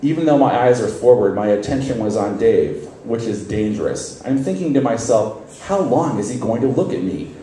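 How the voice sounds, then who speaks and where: This man's medium-pitched voice has a dark tone and lively intonation, moving at a moderate pace as he reads a first-person story on stage. He's a reader at a live literary event, delivering it wryly and conversationally with a few stumbles. A distant mic in a very echoey hall captures him along with faint noise.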